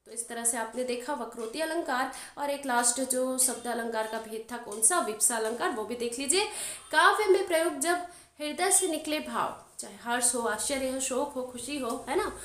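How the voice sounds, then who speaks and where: A high-pitched woman gives a grammar lesson for exam preparation. She explains patiently, keeps checking that the listener follows, and slows right down to recite verse examples. Her voice rings with the echo of a roomy space. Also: lively intonation, a bit bright. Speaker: Hindi grammar teacher.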